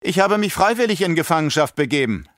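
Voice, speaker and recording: A man voicing an eerily calm little girl who speaks in a cool, matter-of-fact way. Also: fairly high pitch, quick pace, no echo, clean studio sound, voice pushed up.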